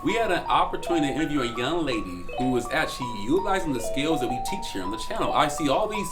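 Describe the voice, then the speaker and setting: A man hosting a finance channel, pitching the video energetically, then interviewing a guest with many restarts. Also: sing-song, fast talker, over loud music. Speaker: host.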